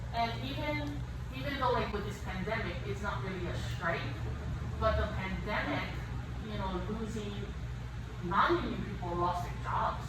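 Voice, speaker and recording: Middle-aged woman, earnest and halting, mid pitch, echoing mic with heavy street noise. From Hawaii. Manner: earnest, halting phrases with restarts. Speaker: union member interviewee. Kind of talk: informal interview answers. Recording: echoey, distant mic, loud traffic noise.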